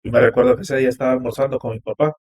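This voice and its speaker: A man's voice: mid-range voice, steady tone, rapid-fire, a little mellow, husky. A man from Honduras, a podcast guest who tells a story animatedly and quotes each line of dialogue. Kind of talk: storytelling interview.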